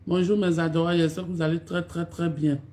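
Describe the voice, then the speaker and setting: A woman's voice: on the low side, flat delivery, quick pace, warm tone. A woman, an actress chatting on a phone live stream, scolding and complaining to her followers and greeting them over and over. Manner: scolding, complaining, repeats greetings and "my dears" to viewers. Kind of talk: casual live-stream chat.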